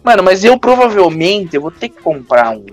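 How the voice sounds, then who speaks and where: A man's voice: sits high, very animated, normal speed, faint music behind. A young man with a Brazilian accent hosting a casual podcast chat, telling jokey stories full of slang and laughing often. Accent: Brazilian Portuguese. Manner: joking storyteller, laughs often, heavy slang. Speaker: podcast host.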